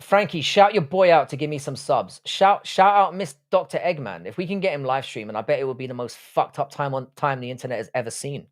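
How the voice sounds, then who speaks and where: A man's voice: mid-range voice, lively intonation, a little fast, hardly any pauses. Blunt, joking man with a London accent. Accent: London English. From Ireland, raised in southwest London. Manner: blunt, profane, joking banter. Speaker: livestream host. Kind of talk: casual live stream chatter answering viewer comments.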